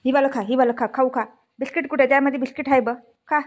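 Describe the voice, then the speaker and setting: A woman filming her pets at home, coaxing them in high baby-talk while explaining to viewers. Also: steady tone, quick pace. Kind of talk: casual home video chat.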